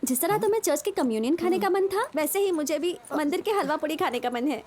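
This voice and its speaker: Dub role: bright high-voiced teasing young heroine, chatty. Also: female voice, expressive, fast. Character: playful young woman Nancy, teasing. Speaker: film heroine. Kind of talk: Hindi film dub.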